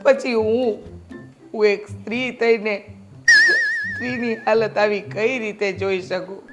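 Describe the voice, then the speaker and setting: A woman's voice: fairly high pitch, wildly swooping pitch, slow, loud music behind the voice, full character voice. An actress playing a kind-hearted middle-aged mother who talks earnestly and persuasively. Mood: persuading. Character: kind-hearted mother, lecturing her grown son. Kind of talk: short film drama acting.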